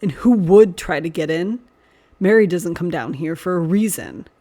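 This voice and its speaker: A woman voicing a male priest with a low, rumbling, growling voice, soft and restrained. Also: animated, normal speed. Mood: low, tender.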